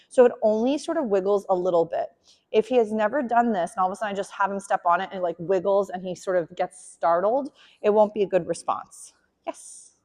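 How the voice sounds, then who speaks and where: A woman dog trainer giving a hands-on lesson, explaining calmly and softly praising the dog. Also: medium pitch, in a large hall.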